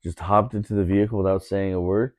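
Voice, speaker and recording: A man's voice: sits low, steady tone, fast talker, no room sound. A man telling a story in a casual podcast chat, indignant, repeating himself with lots of fillers.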